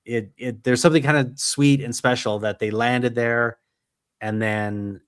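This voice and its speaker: A man's voice: mid-range voice, steady tone, unhurried, clear, resonant tone, no room sound, clean studio sound. A man from Canada hosting a casual podcast chat, an enthusiastic fan who talks in long rambling thoughts. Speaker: podcast host.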